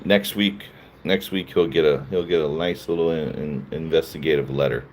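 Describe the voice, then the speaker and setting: A man with a very low, deep voice riffs through a casual live stream, answering chat and laughing between his jokes. He sounds sleepy and loose, with a faint hiss of noise under him. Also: steady tone, moderate pace, darkish tone. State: sleepy, yawning. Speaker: livestream host reading chat.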